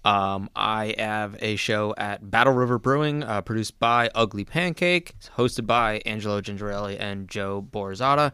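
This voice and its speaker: Comedian guy cohosting a podcast, super clear bright voice, dead dry sound, lots of ums. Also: lowish voice, moderate pace, few pauses, no echo. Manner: relaxed, rambling plugs with fillers. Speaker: podcast co-host and stand-up comedian. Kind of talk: casual chat.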